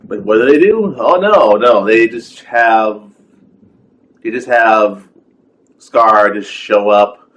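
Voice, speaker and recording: A man's voice: fairly low pitch, slow pace, fairly bright tone, low-quality recording. A man giving a rambling, casual rant as a film reviewer, full of fillers and exasperated rhetorical questions.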